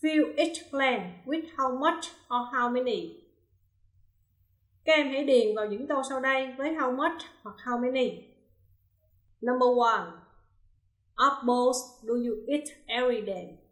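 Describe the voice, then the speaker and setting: In a recorded English grammar lesson, a woman with a fairly high voice reads each example slowly and distinctly, then works through the answer in a steady, methodical way. The recording is roomy, with a noticeable echo.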